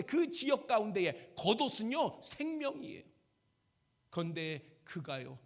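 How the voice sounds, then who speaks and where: A male pastor preaching a sermon in an emphatic way. He repeats his phrases and at times rises to a shout. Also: high voice, vocal fry. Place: church sanctuary.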